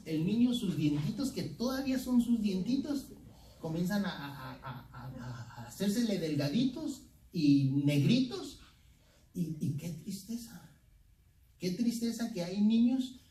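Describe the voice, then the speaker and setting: Animated preaching pastor in an echoey hall. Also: male voice, sits high. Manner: animated preaching with repeated stammered restarts; asks the congregation questions and has them repeat phrases. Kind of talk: sermon. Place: church hall. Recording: roomy echo, speaker far from the mic, faint background noise.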